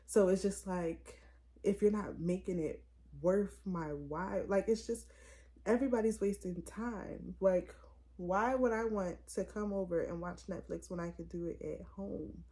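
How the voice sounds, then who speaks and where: A woman's voice: mid-range voice, unhurried. A young woman hosting her own channel, chatting casually and with conviction, full of "like" and "it's like". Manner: animated, opinionated, lots of "like" and "it's like". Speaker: vlogger host. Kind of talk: casual chat to camera.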